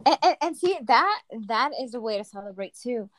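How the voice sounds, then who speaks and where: She's a podcast co-host in her thirties, talking casually with plenty of energy and dropping in bits of Spanish. The voice is a little high, animated and slightly quick, with no room sound at all.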